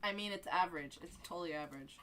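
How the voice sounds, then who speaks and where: A woman's voice: on the low side, fast, pushed and bright, slight background noise. A young woman streaming live, chatting casually in a bubbly, rambling way with lots of laughter and fillers. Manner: bubbly, giggly, rambling with many ums.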